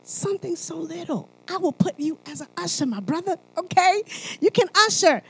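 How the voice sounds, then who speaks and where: Very high, animated, and gravelly, this Haitian woman's voice comes through poor audio at a moderate pace. She speaks at church, mixing a sermon with her personal testimony in an emphatic, conversational way and often checking in with listeners.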